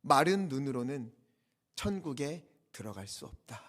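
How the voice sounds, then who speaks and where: A male pastor preaching a Sunday sermon at a church service, swinging from hushed, almost whispered lines to loud, fervent exhortation. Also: medium pitch, big pitch swings, unhurried.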